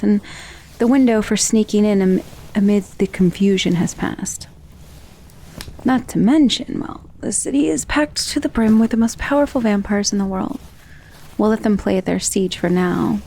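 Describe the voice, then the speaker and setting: Confident and amused, a woman lightly acts a powerful, self-assured female vampire who is protective and possessive of her lover. Her mid-range voice is mellow, with a little hiss or hum, in an intimate ASMR romance roleplay that often drops toward a breathy whisper.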